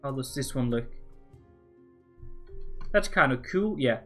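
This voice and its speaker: A man from Norway, speaking English with a Norwegian accent, slowly narrates a building session, muttering to himself and cracking jokes for his viewers. His pitch sits in a middling register, and his delivery is relaxed and unhurried. Soft music plays faintly behind him. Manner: rambling, self-talking while building, joking. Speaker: Minecraft builder streaming. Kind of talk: casual building commentary.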